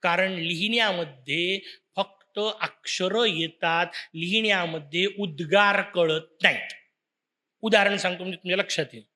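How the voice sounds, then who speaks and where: High-voiced man giving a devotional lecture. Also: normal speed. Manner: rhetorical questions, animated storytelling. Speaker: religious discourse speaker.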